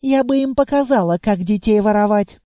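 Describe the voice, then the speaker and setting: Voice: mid-range voice, moderate pace, warm tone, dry recording, clean studio sound, lightly acted. A reader voicing a stern adult witch who speaks in a reproachful way in an audiobook.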